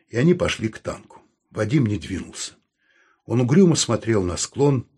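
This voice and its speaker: A man narrating an audiobook in a steady, even storytelling manner, with a husky voice. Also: on the low side.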